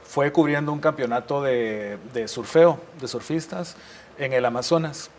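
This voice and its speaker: A man's voice: mid-range voice, a little slow. A middle-aged man from Guatemala, a war correspondent, being interviewed and telling his stories reflectively, often restarting his sentences. There is faint noise behind him. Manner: reflective storytelling with frequent restarts. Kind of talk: interview conversation.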